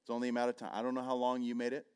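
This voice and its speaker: A man preaching a sermon and retelling a scripture story, swinging between loud and hushed delivery. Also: medium pitch, completely flat delivery, very fast, smooth. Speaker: pastor.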